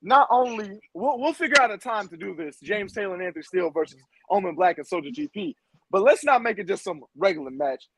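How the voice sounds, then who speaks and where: A man's voice: high voice, animated, fast talker, a crowd in the background, rough recording. A man trash-talking a rival on a wrestling podcast, brash and repeating himself, tossing out "bro" and "y'all". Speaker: indie wrestler, guest.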